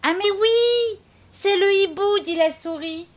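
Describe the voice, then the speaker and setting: A woman voicing a small, clever, boastful mouse in a children's storybook reading, with a bright, teasing voice. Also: takes it slowly. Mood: cheeky. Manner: bright, teasing, high and bouncy.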